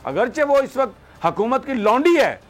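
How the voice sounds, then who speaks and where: A man's voice: very high-pitched, sing-song, moderate pace. A man giving heated political commentary as a guest analyst, slipping into English phrases. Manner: impassioned, switches into English phrases.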